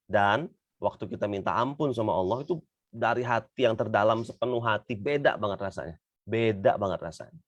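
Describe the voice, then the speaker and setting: A man with a voice on the low side, a religious motivational speaker, gives an Islamic talk to an audience in a conversational style. He frequently tags sentences with little fillers like a repeated "gitu ya," captured in a dry, lo-fi recording.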